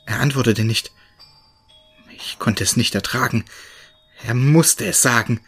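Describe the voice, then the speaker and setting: A man narrating a first-person horror story in a measured, ominous storytelling voice. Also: medium pitch, fairly bright tone, slightly rough. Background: faint music.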